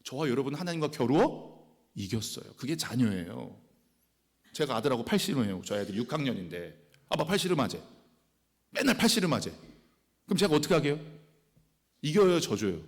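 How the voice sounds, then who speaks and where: A male pastor preaching a sermon. He asks his congregation questions, acts out the people he quotes, and swings from loud exclamations to hushed whispers. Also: medium pitch, big pitch swings, fairly quick, pauses often. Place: church sanctuary. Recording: church hall reverb.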